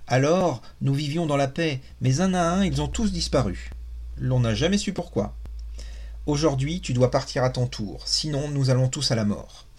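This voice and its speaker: A man voicing a solemn, worried female nanny in a storybook, speaking gravely as a warning. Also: medium pitch, moderate pace, darkish tone, close to an everyday voice.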